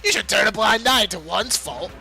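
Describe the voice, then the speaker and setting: A man voicing a manic, brash female serial killer with a put-on New York accent, loud and over the top. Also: sits high, animated, normal speed, gravelly, faint music behind, exaggerated voice. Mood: gleeful. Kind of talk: amateur fan dub of a game.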